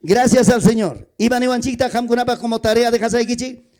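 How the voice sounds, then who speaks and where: High-voiced Peruvian Andean preacher. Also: male voice, fairly even intonation, brisk, darkish tone. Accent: Andean Peruvian Spanish. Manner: preaching, switching between Quechua and Spanish, acting out family scenes. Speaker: pastor. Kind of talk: sermon. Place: church gathering.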